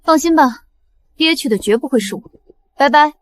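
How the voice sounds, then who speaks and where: A young actress playing a proud, sharp-tongued heiress who talks in a cool, cutting, self-assured way. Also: female voice, sits high, expressive, normal speed, no room sound. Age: young adult. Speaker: lead actress. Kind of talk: short drama acting.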